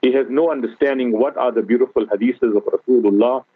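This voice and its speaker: On a tinny, phone-like radio broadcast, a South African-accented man appears as a guest scholar, giving an earnest religious talk and often speaking directly to the host. His mid-range voice is fast with a breathy edge, and no room sound comes through.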